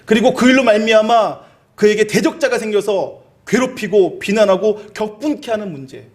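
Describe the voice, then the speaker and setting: A male pastor preaching a sermon, telling the story vividly and asking the listeners questions. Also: high-pitched. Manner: animated storytelling, dramatizing quoted speech; asks the listeners rhetorical questions.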